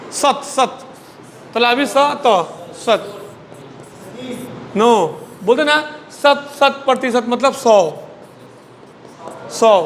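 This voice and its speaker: A man's voice: very high-pitched, fairly bright tone, long reverb tail, slight background noise. A man teaching a Hindi class, drilling word pairs, repeating each word and prompting students to answer. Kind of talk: classroom lesson.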